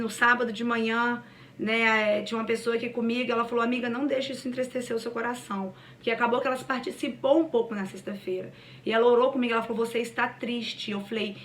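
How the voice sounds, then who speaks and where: Higher voiced woman telling her church testimony, earnest, mic kinda far off. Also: fairly bright tone, a little hiss or hum. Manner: earnest, storytelling, addresses listeners as "gente". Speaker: church cell group speaker. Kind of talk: personal testimony to a group.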